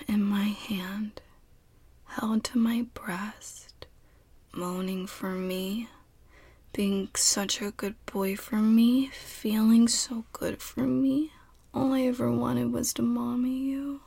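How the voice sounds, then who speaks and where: In a whispered role-play, a woman coos and soothes another adult as an affectionate, teasing partner. Her breathy, husky, intimate voice is a little high and dark in tone, captured in a dry recording.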